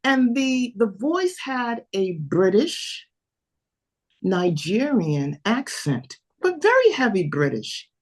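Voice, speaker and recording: A woman in her seventies tells a story as an interview guest, with a voice a little above most women's. She is lively and acts out each line of dialogue. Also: fairly high pitch, slow. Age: 70s. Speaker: podcast guest.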